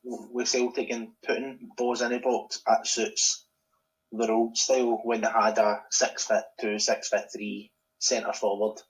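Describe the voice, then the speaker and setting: A man's voice: medium pitch, little pitch movement, unhurried, poor audio. A Scottish man co-hosting a casual podcast in a laid-back, chuckling way. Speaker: podcast co-host. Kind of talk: casual chat.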